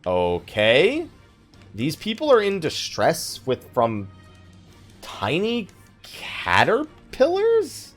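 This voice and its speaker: A man hosts a gaming let's play with casual, rambling, joking commentary, full of mock exasperation and self-mockery. His slightly high voice swoops wildly in pitch and moves extremely slowly, with faint music behind.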